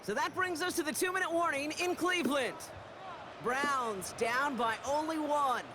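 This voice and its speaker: A man voicing a football game's play-by-play announcer, with an American accent and lively delivery. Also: very high-pitched, normal speed. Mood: engaged. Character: lively football game announcer calling plays. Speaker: play-by-play sports commentator. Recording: heavy noise over game audio.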